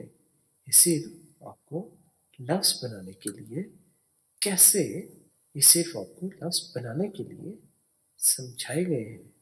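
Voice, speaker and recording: Slow, patient man teaching. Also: mid-range voice. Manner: spells words letter by letter, explains each sound patiently. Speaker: English teacher. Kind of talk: slow spelling and pronunciation lesson.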